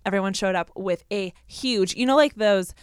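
A young woman co-hosting a chatty podcast, telling stories in animated, colloquial speech peppered with "like". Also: mid-range voice, moderate pace, clear, resonant tone, no echo, studio quality. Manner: animated, colloquial, heavy use of "like". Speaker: podcast co-host. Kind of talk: casual chat and storytelling.

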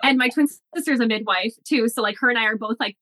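A woman co-hosting a casual podcast, telling a story in a quick, excited way. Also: on the high side, no room sound, studio quality. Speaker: podcast co-host.

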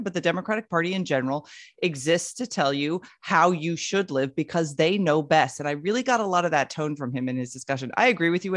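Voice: medium pitch, a bit bright, dry recording, studio quality. Firm panelist arguing a political point. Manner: argumentative, firm. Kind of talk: political commentary.

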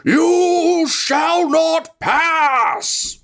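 A man voicing a wrathful male mage whose thunderous, magically amplified voice bellows down a mountain in drawn-out cries. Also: extremely high pitch, a bit bright, pitched above the performer's own voice, full character voice. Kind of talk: game master voicing a figure in a tabletop game.

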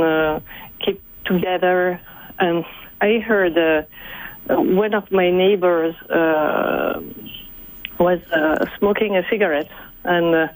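A Frenchwoman in her forties speaks slowly and haltingly in a lowish voice, as a shaken eyewitness. English is not her first language, and she searches for words in a strong of-the-moment interview account with a French accent. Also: no echo, poor audio. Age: 40s. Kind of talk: live radio interview.

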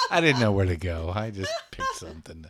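A man's voice: low-pitched, wildly swooping pitch, moderate pace, heavy background noise. A man co-hosting a casual chat, rambling with many restarts and fillers.

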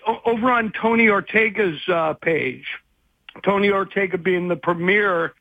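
A man with a fairly high voice rambles through a phone interview, stopping and restarting his thoughts as he goes. The sound is tinny and narrow like a phone line, and completely dry. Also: normal speed, no room sound. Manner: rambling and hesitant, many restarts. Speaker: guest investigative journalist.

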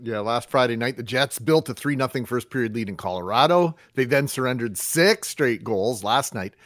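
A man's voice: mid-range voice, expressive, normal speed, fairly bright tone, no room sound, studio quality. A man hosting sports radio, reading out a game recap.

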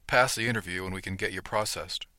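Brief: male reader doing a kind, teasing woman clerk, low-pitched, bright tone, dry. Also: quick pace, dry recording. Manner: soft, teasing, encouraging. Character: brisk friendly woman hiring clerk.

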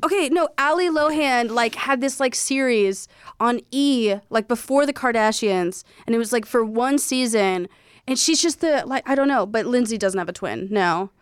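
A woman's voice: a little high, normal speed, smooth, no room sound. A woman in her late twenties co-hosting a podcast, chatting animatedly and rambling with lots of "like" fillers. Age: late 20s. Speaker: podcast co-host. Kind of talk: casual chat.

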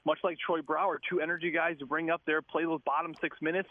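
Fast-talking man on a tinny phone line. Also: on the high side, level tone, no echo. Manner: rapid, eager, with many fillers. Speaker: former player as guest analyst. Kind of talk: sports radio analysis.

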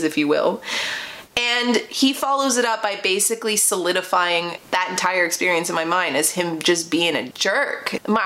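A woman's voice: lowish voice, a bit bright. A woman hosting a podcast, telling a dating story in a casual, confiding way with lots of fillers. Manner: chatty, filler-heavy, confiding. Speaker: podcast host.

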